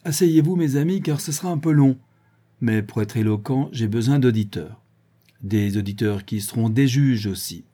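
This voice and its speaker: A man doing Don Luis, a mocking gentleman adventurer. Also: mid-range voice, moderate pace, husky, lightly acted. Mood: jovial. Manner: ironic, theatrical, taunting. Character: mocking, jovial gentleman adventurer, male, adult.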